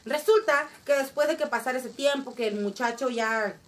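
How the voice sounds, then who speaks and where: A young woman tells a story straight to her viewers in a high, bright voice. She is animated and chatty and often restarts her sentences. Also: moderate pace. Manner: animated, addresses viewers directly, frequent restarts and fillers. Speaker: vlogger telling a family story. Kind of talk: casual storytelling to camera.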